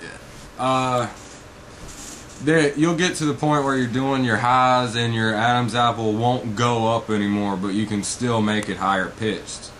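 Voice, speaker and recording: A man's voice: mid-range voice, steady tone, unhurried, fairly bright tone, a little hiss or hum. A man giving a casual, informal vocal tutorial as a coach, rambling and blunt with frequent swearing.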